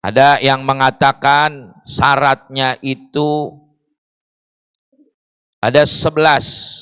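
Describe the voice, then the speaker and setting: A man's voice: medium pitch, steady tone, slow pace, fairly bright tone, smooth, no room sound. A man preaching a sermon in a mosque, explaining with rhetorical questions and Arabic phrases.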